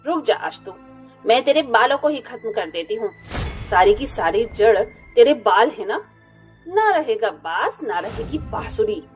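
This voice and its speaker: A man voicing a cruel, shouting middle-aged mother-in-law in a spoken storybook. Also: sing-song, measured pace, faint music behind, full character voice. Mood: taunting. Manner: shrill, scolding, shouting insults. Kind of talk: storybook narration with voices.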